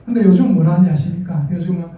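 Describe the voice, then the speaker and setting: A man, animated and playful. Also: high voice, very fast, highs cut off. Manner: animated, playful, quotes his child and God in acted voices. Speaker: pastor. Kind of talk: sermon. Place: large church sanctuary. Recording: echoey sanctuary, distant mic.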